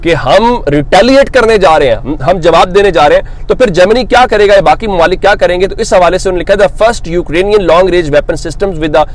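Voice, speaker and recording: A man with a high voice and lively intonation hosts unscripted news commentary, explaining things step by step. He reads English quotes slowly before paraphrasing them, and he asks rhetorical questions that he then answers himself.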